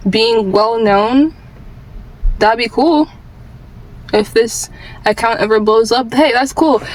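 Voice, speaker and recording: Heard through a rough recording, this woman's voice runs on the high side. She's twenty, vlogging with candid personal advice, rambling informally and earnestly and repeating phrases to drive her points home.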